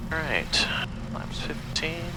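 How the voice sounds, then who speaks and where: A man working as co-pilot, making brisk clipped callouts and radio calls over a cockpit headset intercom in a small jet. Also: fairly high pitch, animated, gravelly. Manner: brisk clipped aviation phrasing. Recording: engine noise in cockpit.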